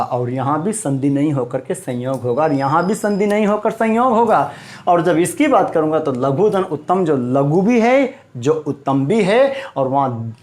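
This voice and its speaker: A man teaching grammar with a slightly high voice. He hammers on each term, says it again and again, and keeps putting questions to his viewers. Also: darkish tone. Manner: emphatic, repeats terms and quizzes the viewer. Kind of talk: classroom grammar lesson.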